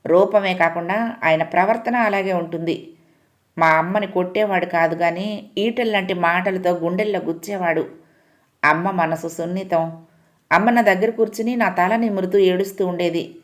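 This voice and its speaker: A woman narrating a story in a calm, measured reading voice, giving the characters' lines a gentle lift. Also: lowish voice. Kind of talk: audiobook-style story narration.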